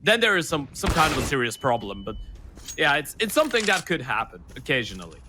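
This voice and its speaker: A man's voice: mid-range voice, very animated, fast talker, sharp tone, slight background noise. A man casting a live esports match, calling and explaining the action in a conversational way. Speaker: esports caster. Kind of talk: live esports commentary with analysis. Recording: clear gunfire and clicks behind voice. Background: game gunfire and clicks.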